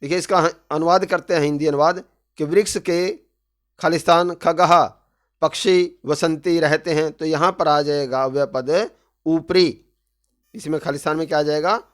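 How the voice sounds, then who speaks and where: A man's voice: on the high side, steady tone, moderate pace. A man teaching a textbook lesson, reading each phrase and then explaining it plainly. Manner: calls out drill words loudly one by one. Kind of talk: line-by-line textbook translation lesson.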